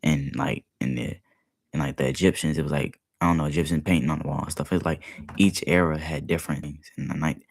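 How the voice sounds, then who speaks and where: A man's voice: rumbling low, steady tone, fast talker, creaky. A young man chatting casually while reacting to a video, rambling with lots of filler words. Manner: rambling, heavy use of "like" fillers.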